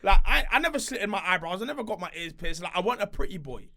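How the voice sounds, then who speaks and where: A man's voice: high voice, big pitch swings, fast talker, pushed and bright. A man with a London roadman accent, a guest chatting and bantering casually in street slang. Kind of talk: casual chat show banter.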